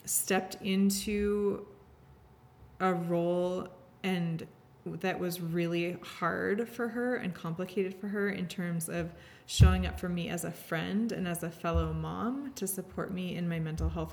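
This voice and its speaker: Woman, lowish voice, earnest candid interview chat, lots of likes, bit of hiss. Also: a little mellow. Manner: earnest, heartfelt, heavy use of "like" and restarts. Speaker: podcast guest sharing her story.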